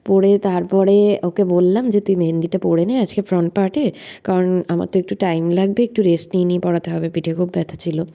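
A woman's voice: on the low side, steady tone, brisk, gravelly, dark tone. A young woman narrating her vlog in a chatty voice-over, mixing in English words. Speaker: vlogger narrating her friend's wedding.

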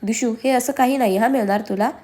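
Exasperated teasing young husband, read by a woman, higher-pitched storybook voice. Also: fairly quick, mellow, close to an everyday voice. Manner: fond teasing, exasperated outbursts.

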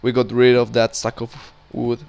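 With a medium-pitched, monotone voice that is creaky and a touch mellow, a young native Spanish speaker from Colombia rambles through commentary on his gameplay. He talks at normal speed, chatting loosely and frequently restarting his sentences.

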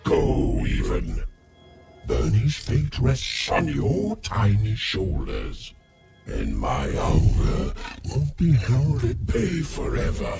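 Gravelly, menacing shadow monster. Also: male voice, fairly low pitch, huge pitch swings, music in the background, exaggerated voice. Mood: threatening. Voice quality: gravelly, creaky. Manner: slow, theatrical, threatening. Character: sinister, menacing shadow monster, hungry child-snatcher. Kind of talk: video game voice acting.

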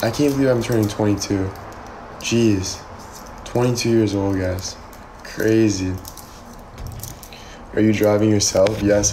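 A man in his early twenties casually chatting on a livestream, reading and answering viewer comments in a relaxed, rambling way, recorded close on a phone. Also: fairly low pitch, a little hiss or hum, rough recording. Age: 20s. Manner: relaxed, rambling, answers chat questions aloud. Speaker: livestream host. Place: small bedroom indoors. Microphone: phone held close, front camera.

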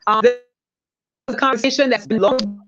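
An excited woman panelist whose video call audio keeps glitching. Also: fairly high pitch, brisk, lo-fi sound, over music.

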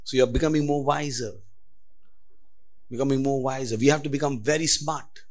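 A man's voice: mid-range voice, brisk. A man preaching a sermon in church, emphatic and repetitive, calling out to the congregation for responses. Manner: emphatic, repeats phrases, lively rises and drops. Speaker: pastor.

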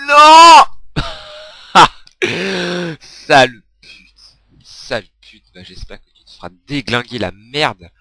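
A young man yelling and laughing through a frustrating game, his high, bright voice leaping wildly between lows and shrieks. He drags his words out slowly, and the recording is dry and close. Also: breathy edge, no room sound. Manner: swears loudly, shouts and laughs at the game, sings under his breath. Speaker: gaming video creator. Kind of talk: raging gameplay commentary.

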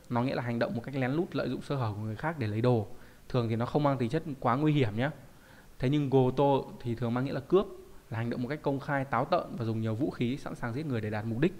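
A man's voice: mid-range voice, a little mellow. A man teaching a Japanese kanji lesson, explaining in a conversational way and often asking rhetorical check questions.

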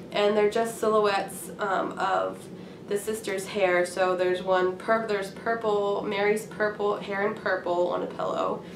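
A young craft vlogger in her twenties, her mid-range voice hoarse from a cold, chats casually and rambles to camera with lots of ums from a small room at home. The camera sits at a distance, so the sound is roomy with a faint hiss.

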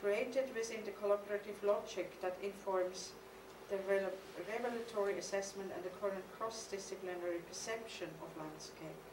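An artist giving a conference lecture, this middle-aged German-accented woman reads from a podium in a medium-pitched voice, her pace measured and reflective with some hesitations. The prepared text is partly poetic. She stands on the stage of a mid-sized studio hall at a podium mic on a stand, captured from the camera's distance amid echo and background noise.

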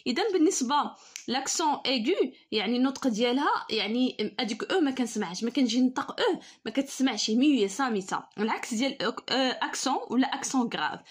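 Fast-talking Moroccan woman teaching. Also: a little high, breathy edge. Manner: explaining step by step, reading French words slowly. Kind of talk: online school lesson.

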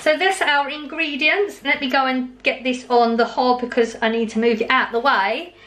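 A woman's voice: high-pitched, fairly even intonation, normal speed, fairly bright tone, faint music behind. A woman chatting casually through a home cooking vlog, rambling and poking fun at herself. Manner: chatty, self-deprecating, rambling with fillers. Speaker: vlogger. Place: home kitchen, voice-over on cooking footage.

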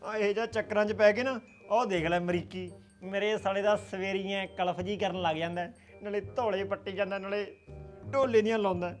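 An actor playing a lazy, quarrelsome village husband in a comedy sketch, bantering loudly and teasingly. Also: male voice, high-pitched, fairly even intonation, normal speed, faint music behind, lightly acted. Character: lazy bickering village husband, middle-aged man. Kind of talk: rural comedy sketch acting.

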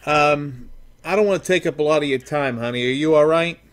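A man's voice: on the high side, fairly quick, close to an everyday voice. A man playing an estranged, down-on-his-luck father on a prank phone call, hesitant and rambling, with many ums and uhs. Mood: hesitant, awkward. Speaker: prank caller.

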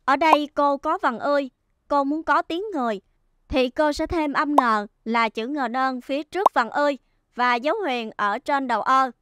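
A woman teacher giving a first-grade reading lesson, spelling out syllables slowly and clearly. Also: sits high, fairly bright tone, no room sound, clean studio sound. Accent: Vietnamese.

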